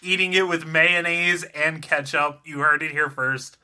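A man co-hosting a sports podcast, spinning animated comic rants in casual chat. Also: fairly high pitch, unhurried, clean tone. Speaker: podcast co-host, sports writer.

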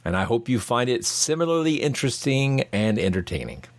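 A man hosting a science podcast in a bright, curious manner, delivering scripted narration articulately. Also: mid-range voice, very animated, a little fast. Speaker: podcast host. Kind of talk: scripted narration and show introduction.

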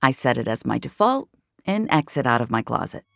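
As Jamie, a reflective young regular of a virtual-reality social world, the actor confides intimately in first-person scripted narration. His mid-range, gravelly, slightly bright voice swings widely in pitch and moves fairly quickly, recorded clean in a studio with no room sound.

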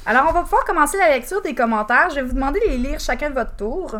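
A woman's voice: high-pitched, expressive, racing, a bit bright, slight background noise. A woman with an Abitibi Quebec French accent hosting a comedy quiz in a playful, mock-formal announcing manner. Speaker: game show host.

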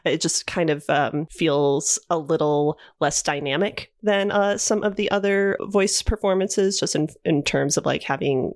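Hesitant lower-voiced woman discussing films. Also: unhurried, few pauses, dry recording, studio quality. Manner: hesitant, many fillers and restarts. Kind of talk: film discussion podcast.

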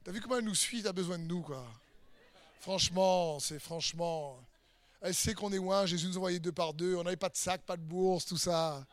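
Smug, self-satisfied disciples who think they matter, played by a man preaching, dropping lower and softer than his usual high, bright voice. The sound is close and dry. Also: moderate pace, no room sound, close to an everyday voice. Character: boastful male disciples, smug and full of themselves. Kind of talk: sermon.

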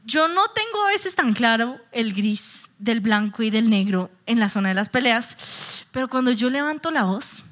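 A woman with a high, bright voice preaching candidly. She is expressive and tells personal examples from her own life. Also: moderate pace. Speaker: pastor.

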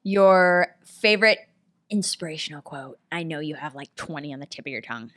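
A woman hosting an interview show, teasing her guest with quick wisecracks. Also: low-pitched, fairly bright tone. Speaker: talk show host.

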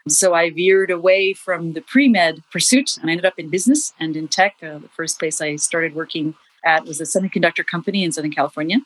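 A woman from India, raised in Morocco, speaking as an interview guest in a steady, thoughtful way. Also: lowish voice, a little fast, hardly any pauses, no echo, rough recording. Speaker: guest, investor. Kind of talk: casual interview talk.

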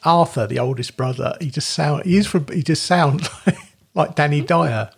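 A man's voice: on the high side, normal speed, creaky, husky. A man co-hosting a podcast, chatting and joking with fillers. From England. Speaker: podcast co-host. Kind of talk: casual chat.

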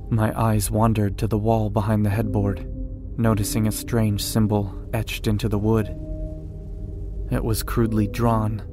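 A man narrates a horror story in the first person, measured and unhurried. His voice sits low and barely moves in pitch, with soft music underneath.

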